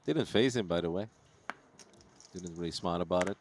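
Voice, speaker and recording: A man's voice: sits low, normal speed, a little hiss or hum. A man commentating on live poker in a casual, chatty, jokey and teasing way.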